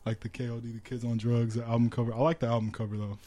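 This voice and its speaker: A man's voice: medium pitch, rapid-fire. Laid-back young man, slangy podcast chat. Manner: relaxed slangy talk, laughs often. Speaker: podcast co-host. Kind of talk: casual chat.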